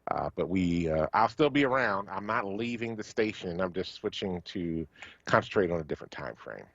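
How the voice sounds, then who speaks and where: A very low-voiced man from Philadelphia talks on a radio show in a relaxed, halting way, full of "uh" and "um". The sound is dull and dry, like a close studio microphone. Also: no echo. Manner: halting, many fillers, warm thanks. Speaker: radio co-host. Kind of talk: casual radio talk.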